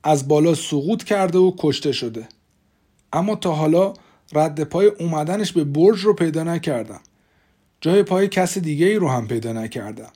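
A man voicing a calm, methodical small-town sheriff in an audiobook, matter-of-fact in his speech. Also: on the high side, husky.

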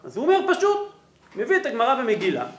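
High-voiced rabbi teaching in an echoey room. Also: male voice, huge pitch swings. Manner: explanatory, checks in with rhetorical "right?". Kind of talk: Torah lesson. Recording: roomy echo.

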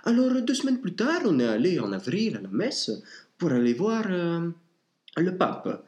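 Animated male comic columnist with a highish voice, recorded in a roomy studio. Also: measured pace. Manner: animated, acts out characters. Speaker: radio columnist. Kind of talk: comic storytelling.

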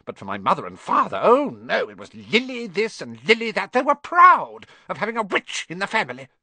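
A man voicing a spiteful, bitter middle-aged aunt who rants in a shrill shriek, in an audiobook story. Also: huge pitch swings, fairly quick, pushed and bright, no echo, full character voice. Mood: shrill, scornful. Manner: shrieking, ranting.

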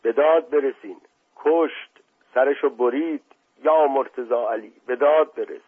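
A man voicing a frantic older male servant who shouts out of breath, in a husky voice on a phone-like recording. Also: mid-range voice, lively intonation, voice pushed up. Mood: panicked.

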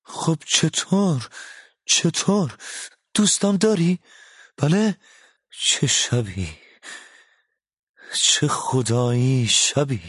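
A man's voice: fairly high pitch, long pauses, fairly bright tone, breathy edge, no echo, studio quality, pitched above the performer's own voice. A man voicing a passionate, lovesick male painter who pleads fervently in an audiobook reading. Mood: eager. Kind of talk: audiobook character voice.

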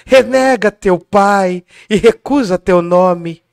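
A man voicing Juliet as a lovesick young woman, reciting in a slow, drawn-out theatrical way. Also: high-pitched, gravelly, smooth, no echo, clean studio sound, full character voice. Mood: yearning.

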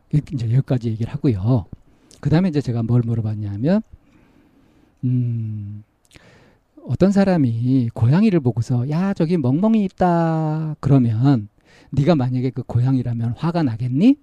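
A male counselor telling the story of a counseling case in a gentle, coaxing way with many fillers, acting out the back-and-forth with a child. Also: mid-range voice, slightly rough, no room sound. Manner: recounts dialogue, acting out the child's replies.

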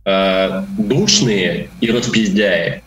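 Низкий неторопливый мужчина-комик. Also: male voice, low voice, drawn-out words, echoey room, a crowd in the background, rough recording. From Russia. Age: 30s. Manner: hesitant, lots of filler sounds, dry. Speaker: guest stand-up comedian. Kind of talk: casual comedic chat.

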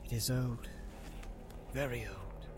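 A man voicing a calm, watchful male elf in a storybook reading, speaking softly and now and then dropping to a whisper. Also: medium pitch, slow pace, over loud music, lightly acted. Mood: hushed. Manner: hushed, sometimes sinking to a whisper. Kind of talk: audiobook reading.

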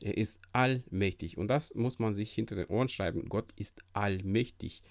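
Earnest low-voiced man preaching encouragement. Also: moderate pace, vocal fry, no echo, clean studio sound. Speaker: podcast host. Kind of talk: devotional podcast talk.

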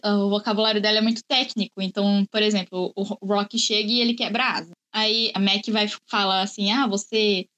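A woman's voice: mid-range voice, flat delivery, a little fast, few pauses, fairly bright tone, lo-fi sound. A woman in a casual film discussion, chatty and explaining at length.

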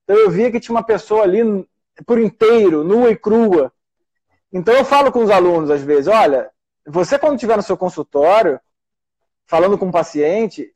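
A man's voice: high voice, darkish tone, slightly rough. A middle-aged Brazilian man, a doctor and teacher hosting a casual live talk, rambling with many restarts. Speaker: host.

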